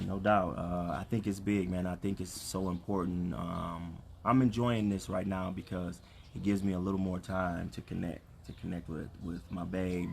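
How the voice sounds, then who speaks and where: A man's voice: low-pitched, gravelly, darkish tone. A man calling from the backyard as co-host of a casual livestream, earnestly encouraging listeners and repeating phrases for emphasis. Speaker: co-host of a relationship ministry livestream. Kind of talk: casual chat with preacherly encouragement. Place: outdoors in a backyard. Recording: some background noise, outdoor livestream.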